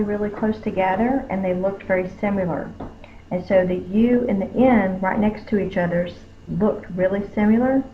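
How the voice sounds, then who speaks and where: Slow, careful woman teaching phonics. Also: mid-range voice, a little hiss or hum. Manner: slow, careful, sounding out each letter. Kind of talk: phonics spelling lesson. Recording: tinny phone-like lo-fi recording.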